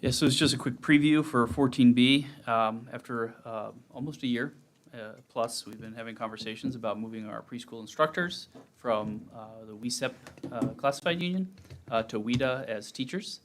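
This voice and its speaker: A man's voice: medium pitch, moderate pace, a little hiss or hum. A man, a school administrator, briefing a board with many hesitant fillers.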